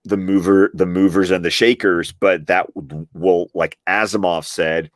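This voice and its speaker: A low-pitched man talking through a novel with a friend, eager and explanatory, often stopping to correct himself. The sound is dry and close, with no room echo. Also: level tone, a little slow. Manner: enthusiastic, explanatory, self-correcting. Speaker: guest. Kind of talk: casual book discussion.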